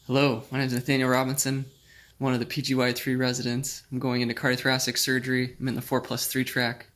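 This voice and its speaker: A man's voice: mid-range voice, completely flat delivery, fast talker, fairly bright tone. A man in his thirties from Utah, a surgical resident, giving a friendly, upbeat recorded testimonial. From Utah, USA.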